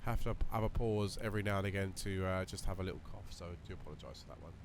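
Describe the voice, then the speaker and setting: Talking very fast in a low, slightly croaky voice, this flight sim video creator gives relaxed running commentary on a simulator session. He thinks aloud with plenty of fillers, his voice set against loud cockpit noise.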